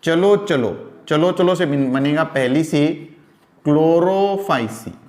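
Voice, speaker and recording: Slow, higher-pitched male teacher. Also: a little mellow. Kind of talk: classroom lecture.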